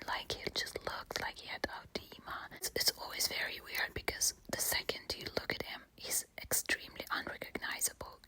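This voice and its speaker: A woman telling a casual, candid ASMR storytime in a quiet, hushed late-night whisper. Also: poor audio. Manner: casual, candid, swearing freely.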